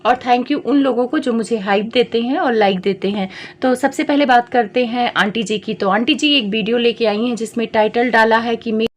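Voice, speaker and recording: A woman vlogger talking straight to her viewers and scolding the people she reacts to in a chatty, pointed way. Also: fairly high pitch. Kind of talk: reaction commentary vlog.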